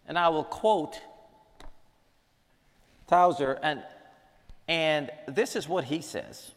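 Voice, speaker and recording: Taking it slowly with lively intonation, a fairly high-pitched Guyanese man preaches and prays. He teaches a lesson, emphatically repeating key lines, and his voice rings with long reverb through a large hall.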